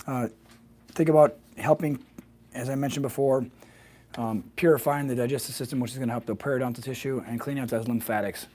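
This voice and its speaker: A man with a slightly hoarse, froggy voice explaining wellness informally as a presenter on a live video, often adding small check-in questions. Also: mid-range voice, steady tone, brisk, dark tone. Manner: fluent, explanatory, often checks with "right?" and "okay?". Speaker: health practitioner hosting a weekly wellness video.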